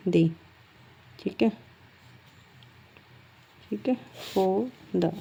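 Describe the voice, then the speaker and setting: Slow, gravelly-voiced woman teaching shorthand. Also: medium pitch, warm tone. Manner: slow, patient, asks students questions then answers; drags out words while writing. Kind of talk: step-by-step shorthand lesson.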